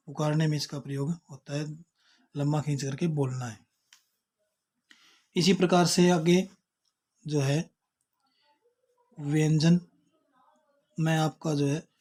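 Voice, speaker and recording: A man's voice: a little high, a little mellow, slightly rough. A man teaching a Sanskrit grammar lesson, patiently explaining and repeating each point, naming letters one by one.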